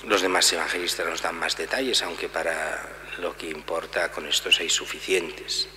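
A middle-aged male priest giving a homily at a lectern in a church, explaining the Gospel calmly with many asides. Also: low voice, moderate pace. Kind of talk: homily at daily Mass. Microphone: lectern gooseneck mic. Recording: church reverb, faint hum.

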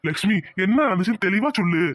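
A man's voice: high voice, fast talker, no room sound, studio quality. A man voicing a protective elder brother in a cartoon, firm and reassuring. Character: protective elder brother, village head of family. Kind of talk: cartoon voice acting.

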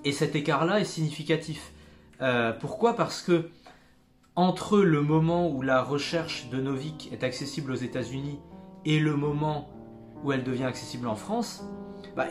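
A man giving a casual spoken book review, pausing often and restarting his sentences. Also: on the high side. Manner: hesitant, many fillers and restarts; jokes about his own English accent.

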